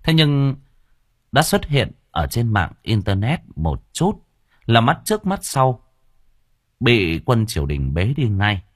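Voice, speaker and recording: A man's voice: mid-range voice, very animated, takes it slowly, no room sound. A man narrating a comic story as an audiobook reader, close to the mic.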